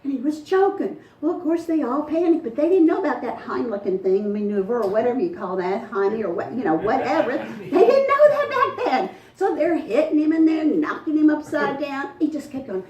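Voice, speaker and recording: A woman's voice: high voice, lively intonation, fairly quick, few pauses, muffled recording, crowd noise. Folksy woman telling a tale. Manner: folksy, dramatic, calls out to the audience. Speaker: storyteller. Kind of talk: animated folktale storytelling to a live audience. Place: front porch event. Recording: echoey, distant mic, faint ambience.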